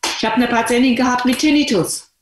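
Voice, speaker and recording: A woman, a doctor, telling patient stories to an audience in a lively, colloquial, emphatic way. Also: a little high, brisk, reverberant, slight background noise. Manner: colloquial, emphatic, addresses listeners directly. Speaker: doctor and speaker. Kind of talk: lively storytelling talk to an audience.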